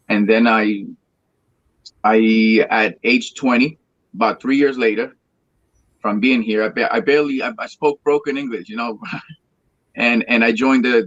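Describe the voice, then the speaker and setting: Speaking a little slowly with long pauses, a Colombian man in his thirties who speaks Spanish tells his story as a guest singer in a relaxed interview. His mid-range voice is steady and a bit bright, though he rambles, repeats words and restarts often. The audio is dull but free of echo.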